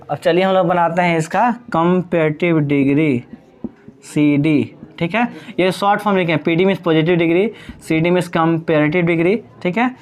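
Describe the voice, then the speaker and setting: A man teaches an English grammar lesson in Hindi, with a voice that sits somewhat high for a man. He is patient and repeats each point, asking the class again and again whether they follow. He dictates examples slowly, word by word. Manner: addresses students fondly as "Babu".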